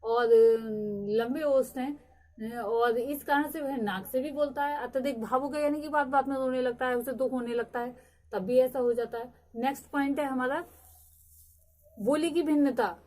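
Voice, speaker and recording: A young adult woman teaching a lecture. She explains at a steady pace, pausing on "uh" fillers. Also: high-pitched. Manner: explanatory, with frequent "uh" fillers and slow stresses. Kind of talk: recorded lecture.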